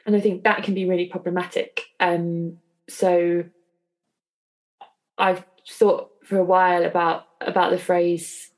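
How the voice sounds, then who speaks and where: A woman with a fairly low voice co-hosts a podcast. She talks in a reflective, unhurried chat, trailing off and circling back with fillers as she thinks. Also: level tone. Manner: thoughtful, hesitant, many fillers. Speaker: podcast co-host.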